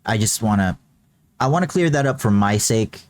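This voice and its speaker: A man's voice: fairly low pitch, lively intonation, normal speed. Blunt, sweary Filipino male streamer. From Philippines. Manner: blunt, sweary, mixes in Tagalog. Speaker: VTuber streamer reacting to news. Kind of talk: casual reaction commentary.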